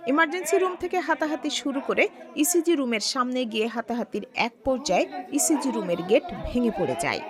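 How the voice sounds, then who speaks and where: A woman's voice: high-pitched, fairly bright tone. A woman with a Bangladeshi accent reading a scripted news report as a reporter.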